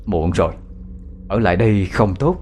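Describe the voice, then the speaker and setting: A man narrating a ghost story as a lively, dramatic storyteller. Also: sits low, moderate pace, slight background noise.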